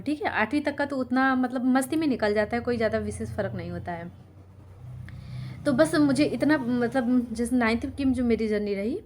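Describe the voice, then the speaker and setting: A woman's voice: on the high side, darkish tone, a little hiss or hum. A young woman from Sultanpur, India, a teacher telling her life story to her viewers in a casual, conversational way, often checking in with them as she goes. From Sultanpur district, Uttar Pradesh, India. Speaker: teacher and YouTuber.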